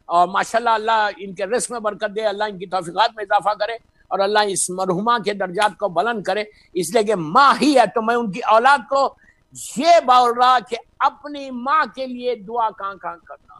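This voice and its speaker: High, bright-voiced impassioned man preaching. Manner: impassioned preaching, mixing English phrases, bursts of shouting. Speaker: Shia cleric giving a majlis sermon. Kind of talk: sermon.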